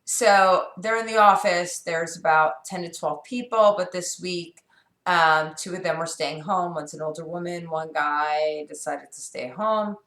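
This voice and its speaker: A middle-aged vlogger from New York talks a little slowly in a lowish, fairly bright voice strained by a sore, scratchy throat. The casual vlog is candid and meandering, with lots of fillers and restarts, recorded in a room with echo.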